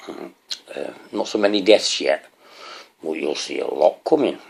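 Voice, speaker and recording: A man's voice: a bass voice, animated, normal speed, creaky, a little mellow, breathy edge. A man rambling to his viewers in a swearing, ranting monologue, often asking them questions. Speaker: vlogger.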